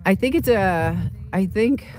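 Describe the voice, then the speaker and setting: A streamer from Boston talks casually to viewers in an easygoing, meandering way, drifting through stories with plenty of "uh" and "you know." The pitch sits in a comfortable middle register. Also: animated, measured pace, darkish tone. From Boston, United States. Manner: rambling, chatty, storytelling with many fillers. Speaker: livestream host.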